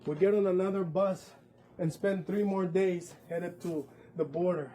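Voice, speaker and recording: A man's voice: high voice, steady tone, unhurried, mellow, slight background noise, poor audio. A man narrating his own story in a one-man stage show, vivid and with wry asides. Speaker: performer.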